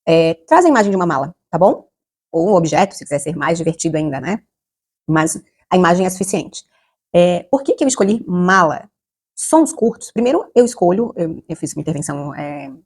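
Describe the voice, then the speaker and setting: A woman's voice: lowish voice, darkish tone, husky. A woman with a Brazilian Portuguese accent explaining classroom literacy strategies to teachers, with frequent fillers and tag questions. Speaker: literacy educator. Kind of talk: instructional talk to teachers.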